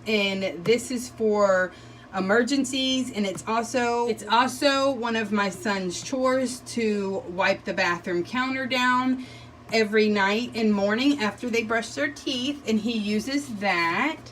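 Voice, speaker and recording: Young mom vlogger, slow easy talk, bright voice, mic a bit off, faint hiss. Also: female voice, fairly high pitch, distant mic, low-quality recording. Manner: chatty, walks viewers through items. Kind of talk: casual clean-with-me vlog. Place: home bathroom.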